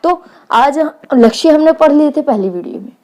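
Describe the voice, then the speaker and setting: A woman giving an online lecture as a teacher, reading English phrases slowly and then explaining each one. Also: sits high, animated, darkish tone.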